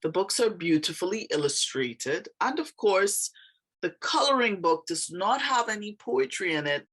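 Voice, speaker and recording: A woman presenting in a measured, explanatory style with careful, deliberate phrasing. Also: medium pitch, sing-song, a bit bright, breathy edge. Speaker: presenter and author.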